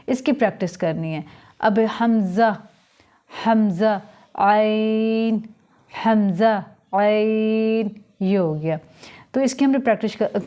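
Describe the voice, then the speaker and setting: A woman's voice: medium pitch, mellow, highs cut off. A woman teaching Quran letter pronunciation, sounding out each letter carefully and explaining patiently. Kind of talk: slow letter-by-letter recitation lesson.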